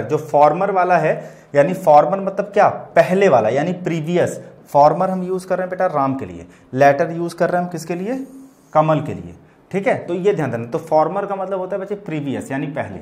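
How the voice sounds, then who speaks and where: Guy teaching english words in hindi, keeps saying theek hai, drags out the examples slow. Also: on the high side, a little mellow. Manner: addresses students as bachelors "bachche", repeats "theek hai" often; stretches out words and example sentences slowly. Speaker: vocabulary teacher. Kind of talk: classroom vocabulary lesson.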